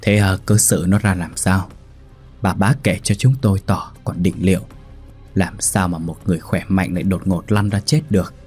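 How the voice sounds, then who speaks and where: A man plays a frail old village elder with a low, husky voice, speaking slowly and gravely. It is a solemn voice in a folk ghost story, with soft music under it. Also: steady tone.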